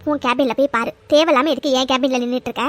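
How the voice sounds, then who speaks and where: A woman doing a firm young cartoon office worker, high voice. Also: steady tone, racing, fairly bright tone, soft background music. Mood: stern. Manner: stern and dismissive when confronted. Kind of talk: cartoon voice acting.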